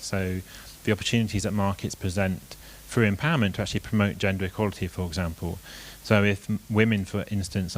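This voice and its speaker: A man presenting his group's reasons at a conference, measured and with frequent ums. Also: lowish voice.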